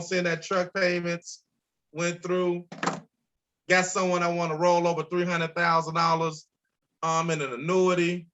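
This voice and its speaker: A man in his forties from Chicago, an insurance broker guest talking casually and emphatically on a podcast, swearing freely. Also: high voice. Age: 40s. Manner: emphatic, profane, animated storytelling.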